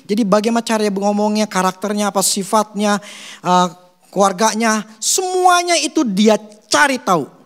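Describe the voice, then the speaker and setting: A man's voice: high-pitched, normal speed. A male pastor preaching, telling stories and acting out short quotes. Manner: animated storytelling with acted quotes; casual Jakarta slang (gue, lu). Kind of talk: sermon.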